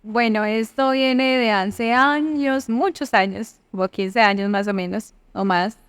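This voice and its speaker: A woman's voice: a little high, measured pace, clear, resonant tone. A woman in her thirties with a Santander Colombian accent, a podcast guest chatting casually and laughing often. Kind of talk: casual interview chat.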